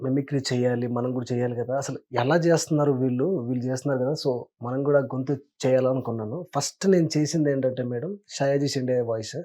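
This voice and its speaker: Fast-talking young man. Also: medium pitch, fairly even intonation, mellow. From Telangana, India. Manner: quick and informal, with short replies and English fillers. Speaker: mimicry artist and guest. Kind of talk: casual interview answers. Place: TV studio.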